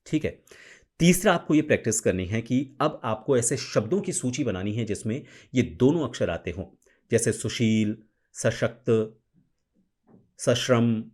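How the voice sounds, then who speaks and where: A man giving a pronunciation lesson, speaking slowly and carefully and showing each sound himself. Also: medium pitch, sing-song, darkish tone, breathy edge. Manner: slow, careful, demonstrates sounds. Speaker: teacher of pronunciation. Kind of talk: spoken tutorial to camera.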